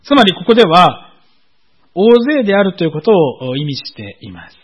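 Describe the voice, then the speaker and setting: A man preaching a sermon in a measured, explanatory way, often pausing on filler words. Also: fairly high pitch, sing-song, husky, poor audio. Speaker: pastor.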